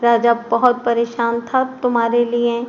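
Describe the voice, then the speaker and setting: Woman doing young man, playful, talkative, teasing, audio story, high-pitched. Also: monotone, measured pace, darkish tone, muffled recording, a little hiss or hum, lightly acted. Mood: friendly.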